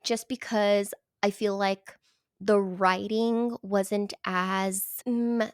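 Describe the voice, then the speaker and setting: A woman talking casually as a book reviewer, animated and emphatic, sometimes dropping into a whisper. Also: medium pitch, very slow, clear, resonant tone, no room sound, clean studio sound. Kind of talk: casual chat.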